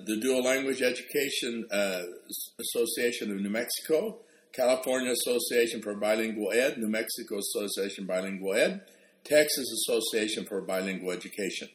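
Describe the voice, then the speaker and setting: Male show host, halting intro, lots of uh, echoey room. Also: mid-range voice. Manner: halting, many fillers. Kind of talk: introducing a guest, casual. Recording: roomy echo.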